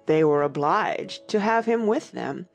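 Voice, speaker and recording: A woman voicing a sorrowful, drowsy male Mock Turtle who speaks slowly and takes offence easily, in a dramatized audiobook. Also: fairly low pitch, animated, soft background music. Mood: indignant. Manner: slow, touchy, pedantic.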